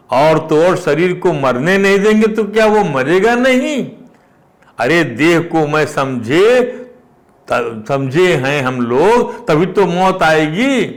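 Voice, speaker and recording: An older man giving a spiritual discourse, repeating phrases and rising with emphasis on key points. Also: fairly high pitch.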